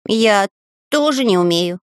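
A woman's voice: medium pitch, animated, measured pace, smooth, dry recording, natural voice. A woman voicing a jumpy, nervous male spy in a children's audiobook, startled and questioning.

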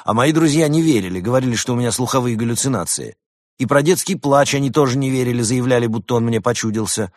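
A man's voice: medium pitch, fast talker, darkish tone, no echo, clean studio sound, pitched above the performer's own voice, natural voice. A man voicing a nervous, chatty tomcat who complains about hearing things. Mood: eager. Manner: jittery, complaining.

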